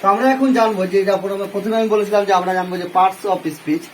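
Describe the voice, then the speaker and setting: A man's voice: high voice, steady tone, brisk, slight background noise, poor audio. A man with a Bengali accent teaching an English grammar lesson, explaining step by step and asking and answering his own questions.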